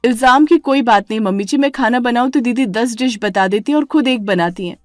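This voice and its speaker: A woman's voice: on the high side, fairly quick, no room sound, studio quality, natural voice. A woman voicing a resentful young daughter-in-law in a dramatized story, grumbling and sulky.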